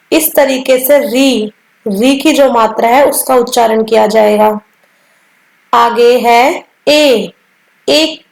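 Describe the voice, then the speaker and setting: Woman teacher, high voice, slow deliberate lesson pace, repeats each sound, echoey room. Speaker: Hindi teacher.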